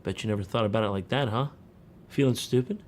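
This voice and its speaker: A man's voice: fairly low pitch, darkish tone. A man commenting with sarcastic jokes while reacting to a dating show clip. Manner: sarcastic, quick jokes, laughing. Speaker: reaction video host. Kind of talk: comedic commentary. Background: background music.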